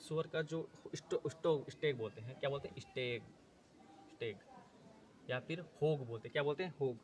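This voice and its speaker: A man's voice: mid-range voice, moderate pace, darkish tone. A male teacher running an exam-prep lesson, repeating terms, asking and answering his own questions, often correcting himself.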